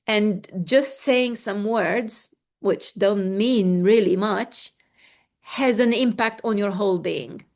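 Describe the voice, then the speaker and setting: A woman coach leading a live online session, giving gentle, repetitive affirmations and calm breathing cues, and reading out participants' responses. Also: mid-range voice, takes it slowly.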